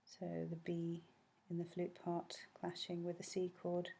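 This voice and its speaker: Female music teacher, lowish voice, clear explanatory delivery, hums phrases to demonstrate. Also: monotone, unhurried, mellow. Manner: explanatory, sings snippets of melody. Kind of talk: score analysis lesson.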